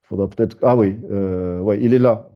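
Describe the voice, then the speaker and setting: A man leads a beginner lesson, breaking words into syllables and drawing them out slowly, with frequent hesitant fillers. His voice sits low. The recording is dull and lo-fi. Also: steady tone. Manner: patient, spells syllables slowly, many hesitations. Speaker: Arabic teacher. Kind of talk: live beginner lesson with students.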